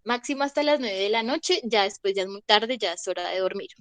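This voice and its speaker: A woman's voice: mid-range voice, expressive, fairly quick, no echo. Patient woman teacher, dry sound. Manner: patient, checks in often with short questions. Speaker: English teacher. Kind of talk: explaining grammar to a class.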